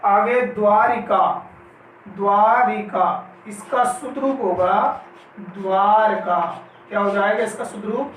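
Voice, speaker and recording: A male Hindi grammar teacher giving an exam-prep spelling lesson, drawing out each word slowly, repeating it, and asking questions he answers himself. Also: high-pitched. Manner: slow, drawn-out pronunciation of each word, repeating it. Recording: very echoey room, mic at a distance, faint noise.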